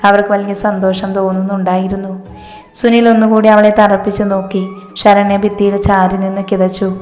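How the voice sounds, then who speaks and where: A woman storyteller narrating in a steady, monotone reading style. The recording has a roomy, reverberant sound with faint music playing underneath. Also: mid-range voice. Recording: echoey room, faint music.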